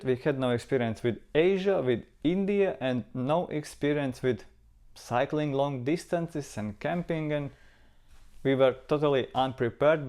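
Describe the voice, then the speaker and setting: Speaking casually to camera, this man from Latvia is a travel vlogger with a Latvian accent. His delivery is earnest and reflective, with repeated words for emphasis, in a slightly mellow, medium-pitched voice.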